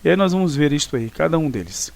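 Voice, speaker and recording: A man's voice: on the high side, sing-song, quick pace, creaky, a little mellow, no echo. A male teacher giving a recorded online class, explaining step by step and often checking that students follow. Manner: explanatory, with frequent checking tags.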